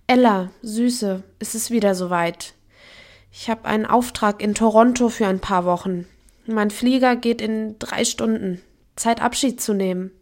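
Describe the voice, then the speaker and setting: A woman voicing a gentle, guilty father who speaks softly and sighs as he says goodbye to his daughter in an audiobook. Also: high-pitched, fairly even intonation, unhurried. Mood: tender. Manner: soft, sighing, apologetic.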